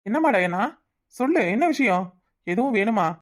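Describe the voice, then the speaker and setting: A woman's voice: medium pitch, expressive, normal speed, lightly acted. A woman with a southern Tamil village dialect voicing a middle-aged village husband who coaxes and then grows indignant in a cartoon. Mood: coaxing. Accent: southern Tamil Nadu village dialect. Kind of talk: cartoon voice acting.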